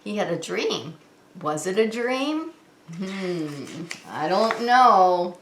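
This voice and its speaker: A preschool teacher hosts story time in a roomy, echoey space with some background noise, reading and singing along with small children. Her medium-pitched voice is sing-song and extremely slow, and she speaks simply and expressively, asking lots of questions.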